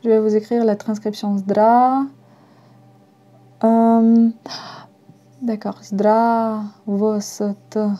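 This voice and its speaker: A woman's voice: medium pitch, flat delivery, drawn-out words, long pauses, warm tone, muffled recording. A woman with a Russian accent teaching a language lesson, patiently spelling words out letter by letter. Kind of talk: slow online language lesson.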